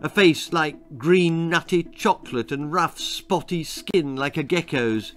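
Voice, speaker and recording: Over soft background music, a man with a fairly high, slightly bright voice reads unhurriedly. He's the author narrating his own scripted children's story, delivering it theatrically, with suspense and emphasis.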